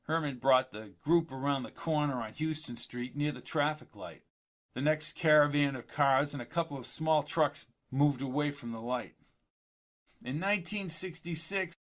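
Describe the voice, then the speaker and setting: A man narrating a novel for an audiobook with a measured, deliberate reading. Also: a little high.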